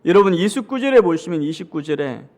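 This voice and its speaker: A male pastor with a Gyeongsang accent giving a sermon. He talks straight to the congregation, reads scripture aloud with them, and swings between loud, emphatic lines and hushed asides. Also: sits high, expressive, fast. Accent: Gyeongsang Korean.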